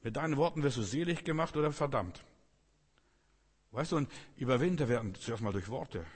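A man with a husky, slightly breathy voice preaches a sermon, hammering the same phrases again and again. His words ring out with a long hall reverb. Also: mid-range voice, expressive, a little fast. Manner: emphatic, repetitive preaching, mimics complaining voices.

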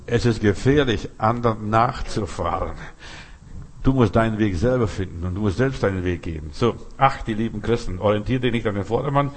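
A male pastor preaching a sermon. He repeats short emphatic phrases, speaks straight to his listeners, and slows right down on key lines. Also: fairly low pitch, breathy edge.

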